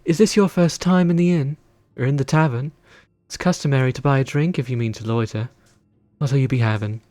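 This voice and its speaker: A man voicing a fussy tavern keeper reading quest dialogue in a put-on accent, pitched above his usual voice. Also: fairly quick, a little mellow, no echo, lightly acted. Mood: businesslike. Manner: put-on accent, higher than his own voice.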